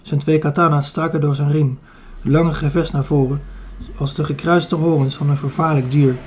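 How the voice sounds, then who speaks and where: A man narrating a children's adventure audiobook in an even, steady storytelling manner. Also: a little high, normal speed, a little hiss or hum. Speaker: audiobook reader. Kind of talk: scripted narration of a children's novel.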